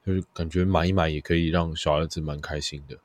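Low-voiced man chatting on a podcast. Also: fast talker. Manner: chatty travel storytelling with bursts of excitement. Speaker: podcast host. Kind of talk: casual chat.

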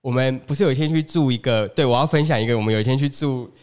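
Fast-talking Taiwanese man telling stories. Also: medium pitch, clean tone. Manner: animated storyteller, acts out overheard people in raised voices. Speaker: podcast co-host. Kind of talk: casual chat.

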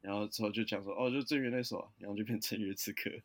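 A man in a band, telling a relaxed story in an interview and acting out what others said. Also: lowish voice, rapid-fire. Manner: relaxed storyteller, acts out quotes. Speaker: band member, guest.

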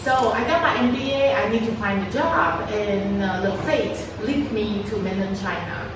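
A woman's voice: medium pitch, normal speed. A woman in her forties from Taiwan, whose first language is Mandarin, giving a chatty personal testimony talk at a sharing event, repeating words and laughing often. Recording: echoey room from far off, noisy.

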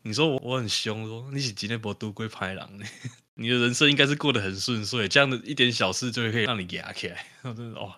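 A young man with a Taiwanese Mandarin accent, telling stories as a podcast co-host in an animated way, often laughing. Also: mid-range voice, quick pace. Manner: animated retelling, acts out quotes, frequent laughs. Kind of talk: casual chat, storytelling.

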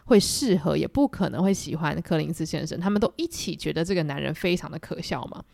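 A woman with a Taiwanese Mandarin accent hosting a podcast, retelling a novel in a chatty, animated way with lots of fillers. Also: deep voice, fast, creaky, dry recording, studio quality. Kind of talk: casual storytelling book talk.

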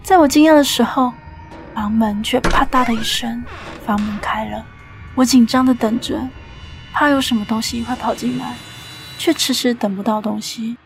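A woman's voice: fairly high pitch, normal speed, vocal fry, faint music behind. A woman hosting a podcast, narrating a ghost story with tension and acting out the quoted lines.

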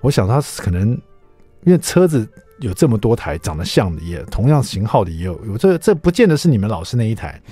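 A middle-aged man with a Taiwanese Mandarin accent, hosting a radio show and chatting through an animated story. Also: lowish voice, fairly quick, breathy edge, dry recording, faint music behind. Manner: animated, chatty, acts out quoted lines. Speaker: radio host. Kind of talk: casual storytelling monologue. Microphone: studio microphone.

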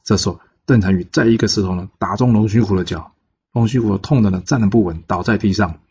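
A man with a Taiwanese Mandarin accent telling a classic tale in a casual, relaxed way, pausing often on filler particles. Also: on the low side, breathy edge. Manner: relaxed, frequent drawn-out pause particles. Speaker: storyteller. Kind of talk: casual storytelling narration. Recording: dull lo-fi podcast recording.

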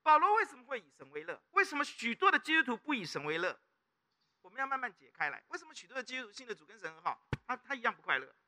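Talking very fast in a very high voice, a middle-aged pastor with a Taiwanese Mandarin accent delivers an animated sermon. He frequently tosses questions to the congregation, inviting call-and-response.

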